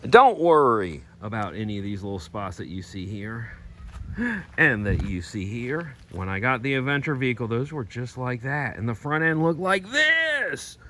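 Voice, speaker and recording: A man talks his way around a vehicle outdoors in a loose, rambling vlog style. He drifts off track and apologizes, then leans into a mock infomercial pitch with obvious relish. His voice sits at an ordinary middle pitch. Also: fairly bright tone. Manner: rambling, loses train of thought, playful sales-pitch tone. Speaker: vlogger showing a vehicle giveaway. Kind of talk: casual walkaround vlog.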